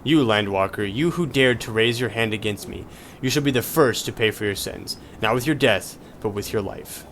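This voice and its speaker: A man's voice: lowish voice, moderate pace, a bit bright, a little hiss or hum. A man voicing a haughty, wrathful goddess villain from a video game, reading the lines in a grandiose, menacing way. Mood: vengeful. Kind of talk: reading game dialogue aloud dramatically. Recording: game music behind.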